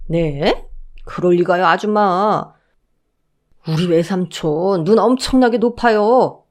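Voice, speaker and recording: A woman's voice: fairly low pitch, slow, darkish tone. A woman voicing a blunt male security guard who mocks and drawls. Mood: mocking.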